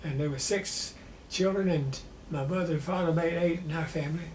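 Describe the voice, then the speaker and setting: This interview features a ninety-something Southern veteran with a high-pitched male voice of darkish tone, reminiscing about his life. The old man speaks haltingly and without embellishment. The sound is roomy and echoey, with a little background noise.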